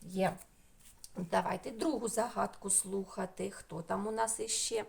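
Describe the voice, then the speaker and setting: A woman teacher from Ukraine giving a remote lesson to small children, talking slowly in a sing-song way and drawing out single sounds. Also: medium pitch, steady tone, vocal fry. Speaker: preschool teacher.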